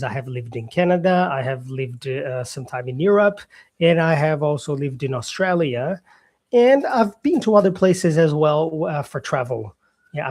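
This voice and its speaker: A man from Brazil teaching English on a casual live stream, chatting with viewers and answering their comments. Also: fairly high pitch.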